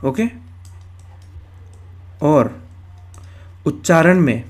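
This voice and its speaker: A man with a fairly high voice teaches grammar in a recorded exam-prep lecture. He moves step by step, says each key term more than once, and poses questions that he then answers himself. He talks close to the microphone. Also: animated, very slow. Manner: explains step by step, repeats terms, asks and answers his own questions.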